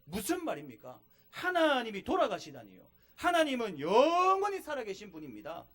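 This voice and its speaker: A stern reformer husband, as a male preacher voices him, given lines inside a sermon story. The voice stays high and close to the preacher's own. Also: very animated, fast. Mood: rebuking. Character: stern reformer husband, rebuking then reflective.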